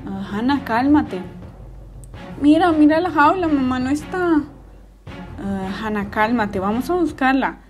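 A woman voicing a calm, comforting mother who reassures her daughter in a toy story play. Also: sits high, a little slow, soft background music. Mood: soothing. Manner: soothing, reassuring.

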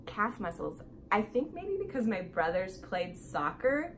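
A woman hosting a casual chat, upbeat and quick to agree, with lots of fillers. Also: mid-range voice, sing-song, slight background noise. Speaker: host.

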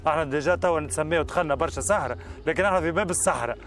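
This Tunisian-accented host, a man in his thirties, races along in a fairly high, fairly bright voice as he reviews a car on a casual test drive. He's chatty, dropping French words here and there, first out in the desert and then in the car, while music runs beneath.

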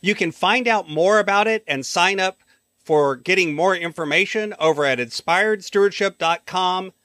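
A man hosting a podcast, reading a scripted intro and asking interview questions in an earnest, measured way. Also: high-pitched, pushed and bright, no echo, clean studio sound. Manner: earnest, measured announcer delivery. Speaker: podcast host.

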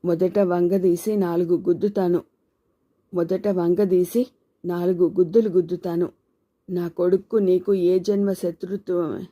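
A woman voicing an aging mother who is blunt, scolding and quick to anger, in an audiobook story. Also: lowish voice, little pitch movement, warm tone. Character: aging mother, fierce and grieving widow-like matriarch.

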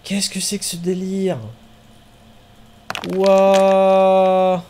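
Male streamer, slowish and a bit high, chatty commentary with excited outbursts. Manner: slow, chatty, bursts of excited exclamations. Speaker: streamer playing a marbles race game.

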